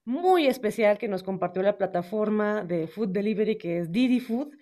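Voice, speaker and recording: Woman host with a northern Mexican accent, bubbly and chatty, mid-pitched voice. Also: expressive, normal speed, mellow. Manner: bubbly, chatty, many fillers. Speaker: podcast host. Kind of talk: casual podcast chat.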